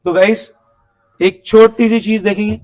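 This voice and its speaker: A man teaching an accounts class, lively and talking straight to his students, acting out little dialogues. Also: high-pitched, measured pace. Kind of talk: classroom coaching lecture. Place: coaching classroom.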